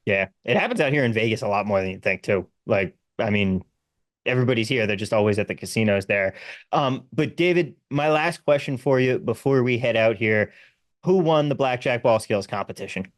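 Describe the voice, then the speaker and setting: A man's voice: medium pitch, expressive, a little fast, no echo, studio quality. A man co-hosting a podcast, dropping wry, joking asides in casual chat. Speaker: podcast co-host.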